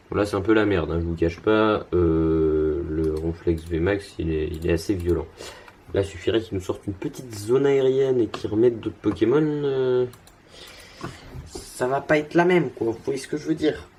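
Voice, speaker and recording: A man's voice: fairly low pitch, warm tone, slight background noise. A young man casually commenting on his card game as he plays, thinking aloud with lots of fillers and restarts, tired and yawning.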